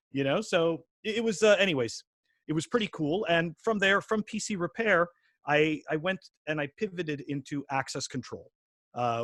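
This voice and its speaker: A man's voice: on the high side, a bit bright, no echo. Rambling man in his forties, dry sound. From Quebec, Canada. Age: 40s. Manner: rambling, many restarts and "you know"s. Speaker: podcast guest. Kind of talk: casual interview chat.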